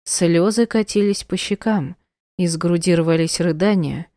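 A woman's voice: lowish voice, a little slow, mellow, dry recording, clean studio sound. Woman reading dramatic first-person narration. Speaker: audiobook narrator.

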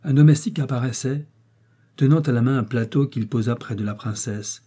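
Brief: male narrator for a period novel, dark and slightly breathy, steady pace. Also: mid-range voice, fairly quick. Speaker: audiobook narrator.

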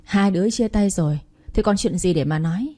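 A woman's voice: medium pitch, a little fast, mellow, lightly acted. A woman reading a storybook aloud and voicing a cold, scornful middle-aged mother who insults her son's pregnant girlfriend. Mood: contemptuous. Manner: mocking, dismissive.

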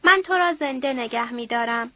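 A woman's voice: high voice, no echo, dull audio, natural voice. A woman voicing a young man, a grieving son who talks in an earnest, defiant way.

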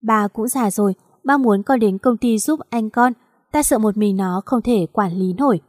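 A woman narrator voicing an aging, kindly father who calmly encourages his daughter. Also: mid-range voice, moderate pace, no echo, clean studio sound, natural voice.

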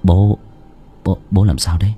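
A man voicing a young former soldier who speaks gently and soothingly. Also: low-pitched, level tone, normal speed, breathy edge, muffled recording, faint music behind. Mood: worried gentle.

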